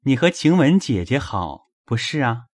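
A man's voice: medium pitch, sing-song, normal speed, no echo, clean studio sound. A man voicing a dreamy, infatuated young nobleman who talks in eager, pleading bursts.

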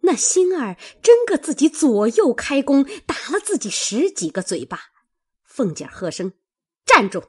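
A woman narrating a classic novel as a storyteller in a measured, expressive way. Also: high-pitched.

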